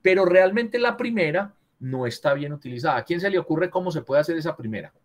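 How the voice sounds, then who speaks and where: A man's voice: on the high side, expressive, fast. A man teaching a writing class over a video call, correcting students and checking in with them often. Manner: corrects students, keeps asking "¿cierto?". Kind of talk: virtual class lesson on writing.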